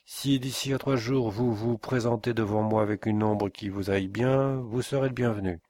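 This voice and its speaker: A man's voice: lowish voice, steady tone, moderate pace, a little mellow, no echo, close to an everyday voice. A man voicing a furious old forest inspector. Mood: threatening. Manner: indignant, threatening. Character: stern angry older male forest inspector, a father. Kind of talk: audiobook character voice.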